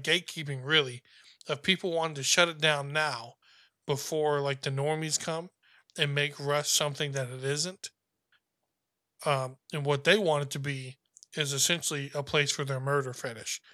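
A man hosting a podcast, chatty and animated, acting out what people said as he tells a story. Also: fairly high pitch, normal speed, no echo, clean studio sound. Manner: chatty storyteller, acts out quotes. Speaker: podcast host. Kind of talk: casual gaming chat.

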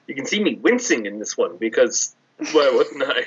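A man's voice: medium pitch, big pitch swings, moderate pace, breathy edge. A man co-hosting a podcast in casual chat, wandering into tangents. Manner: rambling, tangent-prone. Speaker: podcast co-host. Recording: dull lo-fi sound.

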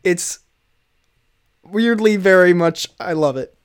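A man's voice: high voice, slow pace, clear, resonant tone, no echo, clean studio sound. A man co-hosting a podcast in casual chat, rambling and laughing often. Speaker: podcast co-host.

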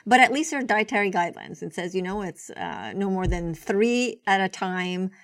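A chatty woman from Israel hosts a podcast conversation, speaking at a middle pitch. She talks in loose, halting bursts. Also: big pitch swings. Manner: chatty, laughs easily, halting. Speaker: podcast host.

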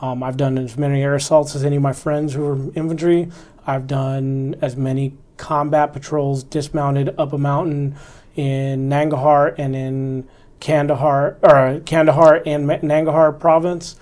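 An army officer in his forties reflects on his experience in an interview, earnest and instructive, repeatedly returning to the fundamentals. His delivery is even and level, rarely rising or falling, with a voice on the high side and a moderate pace.

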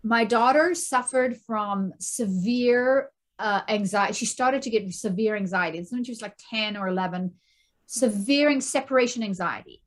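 Middle-aged woman, interview guest coach, fairly high voice, animated and repetitive, tags lines with "right?". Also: normal speed. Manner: animated, repeats words, frequent "right?" tags. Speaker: stress and anxiety coach, guest. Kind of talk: casual interview conversation.

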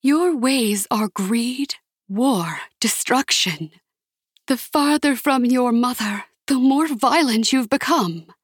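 An ancient skeletal Earth Mother spirit, as a woman reading a storybook puts her on, proclaiming in a raised, husky voice. She chants her pronouncements slowly and with weight, high above the narration around her. The recording is close and dry. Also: lively intonation, no room sound, exaggerated voice. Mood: solemn commanding. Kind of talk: audiobook character voice.

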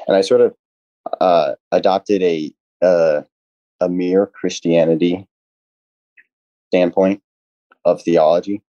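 A young man with a very low, dark voice talks earnestly as a podcast guest, stopping and restarting often. The sound is dry and dull. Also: steady tone, no echo. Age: young adult. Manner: earnest, halting, many "uh" and restarts. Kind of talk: casual podcast conversation.

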